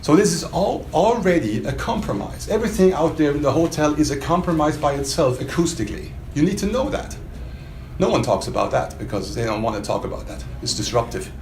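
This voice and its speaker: A loudspeaker demonstrator with a high-side, slightly mellow voice speaks very animatedly and fairly fast, quizzing his small audience with rhetorical questions in an emphatic, spontaneous pitch. The recording, from a hotel demo room at a trade show, is roomy with faint noise.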